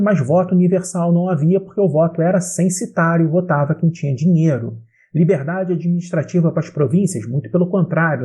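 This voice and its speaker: A Brazilian man teaching an exam-prep history lesson, explaining clearly and speaking directly to the student. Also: a little high, warm tone. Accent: Brazilian Portuguese.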